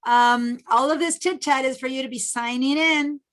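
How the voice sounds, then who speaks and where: A woman's voice: high voice, fairly even intonation, moderate pace, a bit bright. A woman from Argentina, a native Spanish speaker, runs an online illustration class over a video call. She chats freely, greets each student, and drifts into rambling asides. Her voice comes through a headset mic. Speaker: illustration teacher. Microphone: Bluetooth headset on video call.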